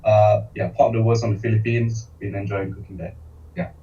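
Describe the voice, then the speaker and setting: A man from Malaysia, a game designer, introducing himself with halting restarts. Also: fairly low pitch, flat delivery, mellow. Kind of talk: casual panel self-introduction. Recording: distant, dull lo-fi call audio.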